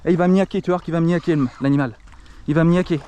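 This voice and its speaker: Excitable man filming himself from a kayak. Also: fairly high pitch, very fast, slight background noise. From France. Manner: excitable, exclaims constantly, talks to the camera and the fish. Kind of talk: excited vlog commentary. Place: on a kayak on a river, outdoors. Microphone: action camera.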